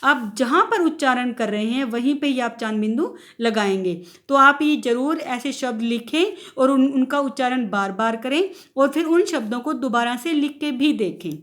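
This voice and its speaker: A woman teacher with a high voice leads a grammar lesson for primary school children. She speaks slowly and draws out each example word so the class can say it back. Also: expressive. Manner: slow, drawn-out demonstration of words for children to repeat.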